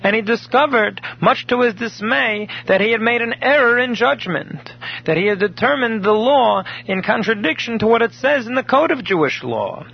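A man teaching a recorded daily Torah class, telling a story in a measured way and explaining Hebrew terms in English. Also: extremely high pitch, lively intonation, gravelly, slightly rough. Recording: dull lo-fi recording.

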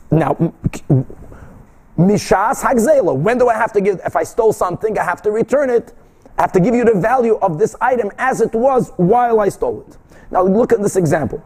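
A man's voice: high-pitched, darkish tone. A man teaches a religious text class. He translates and explains as he goes, posing rhetorical questions and answering them himself with emphasis. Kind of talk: explanatory lecture, translating and commenting line by line.

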